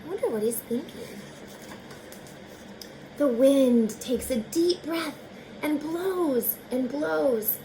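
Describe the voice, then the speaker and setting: Through a low-quality recording with a little hiss or hum, a woman teacher reads a picture book expressively to young listeners, addressing them in chatty asides. Her voice is high-pitched yet dark in tone, her phrasing slow and deliberate.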